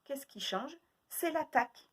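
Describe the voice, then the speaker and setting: Her voice is high-pitched with lively intonation as this woman teaches a phonics lesson to small children, going slowly and repeating every sound and word with care.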